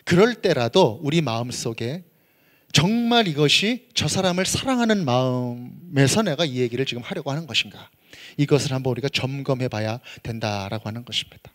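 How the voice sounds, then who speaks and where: A man's voice: medium pitch, brisk. A man preaching as a pastor, leading his congregation in reading scripture aloud and acting out everyday scolding. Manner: animated, acts out everyday scolding. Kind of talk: sermon.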